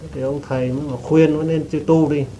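A man respectfully telling his teacher a story he witnessed, in a hesitant, halting way, with frequent restarts and throat-clearing. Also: fairly high pitch, fairly even intonation, dark tone, dull audio. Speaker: devotee giving testimony. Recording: noisy recording with rain behind.

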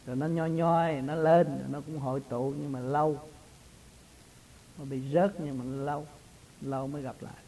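A man speaking as a spiritual teacher, his voice sitting a little high. He talks in a loose, folksy way, telling homely stories and breaking into laughs as he goes. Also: fairly even intonation, normal speed, pauses often, warm tone, a little hiss or hum, rough recording. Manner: chatty, laughs often, folksy storytelling. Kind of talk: casual religious talk.

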